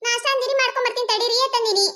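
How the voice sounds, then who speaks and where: A woman voicing a sharp-tongued young daughter-in-law in a cartoon comedy, with a North Karnataka Kannada accent and a squeaky cartoon voice. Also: steady tone, very fast, faint music behind. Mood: defensive. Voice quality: high squeaky cartoon voice, retorting and complaining.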